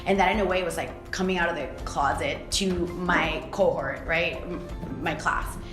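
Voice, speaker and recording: A young adult woman from Costa Rica talks candidly about her life in a documentary interview, pausing often and filling the gaps with "like" and "um." Her voice sits fairly low, and the room around her is echoey, with clear music playing under the interview. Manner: reflective, candid, many fillers. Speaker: swimwear founder.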